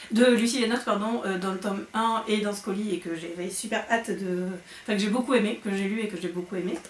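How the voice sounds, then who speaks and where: A young woman chatting excitedly through an unboxing vlog, with lots of fillers. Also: on the high side, echoey room, distant mic, slight background noise. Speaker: book vlogger.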